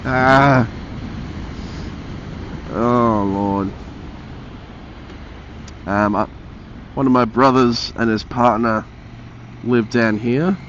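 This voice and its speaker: A man's voice: medium pitch, fairly even intonation, extremely slow, pauses often, fairly bright tone. Muffled man motovlogging inside a helmet. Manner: rambling, muttering to himself, casual swearing. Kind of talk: casual vlog chat while riding a motorbike. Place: inside a motorcycle helmet, riding outdoors on roads. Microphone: helmet-mounted mic close to the mouth. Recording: muffled helmet mic, faint vehicle noise.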